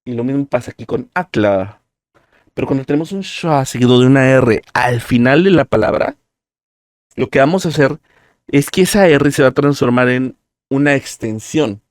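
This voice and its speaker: A man's voice: medium pitch, animated, moderate pace, dry recording, studio quality. A man teaching a live-streamed language lesson, explaining pronunciation patiently and step by step. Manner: explanatory, talks through examples step by step.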